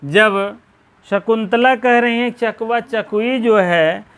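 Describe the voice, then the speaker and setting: A male teacher who talks slowly and deliberately in a high, clear voice. He goes through the text word by word, repeating terms and quizzing himself as he explains. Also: fairly bright tone. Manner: repeats words and glosses them, asks and answers his own questions. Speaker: Sanskrit teacher. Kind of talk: exam-prep lesson explaining verse line by line.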